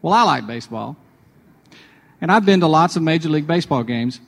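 Radio guy telling a devotional story, kinda high voice, chatty, lots of echo. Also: expressive, brisk, gravelly. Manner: chatty, self-deprecating, with restarts. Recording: long hall reverb.

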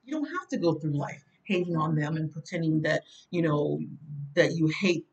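A woman delivers a motivational self-help talk, emphatic and preachy, breaking into laughs often. Her voice sits fairly low for a woman and lands on the recording from some distance away from the mic. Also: expressive, moderate pace.

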